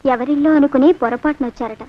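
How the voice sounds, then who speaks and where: A woman's voice: high voice, fast talker, no room sound, natural voice. An actress playing a naive, obedient young woman in a film comedy. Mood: innocent. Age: young adult. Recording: dull film audio.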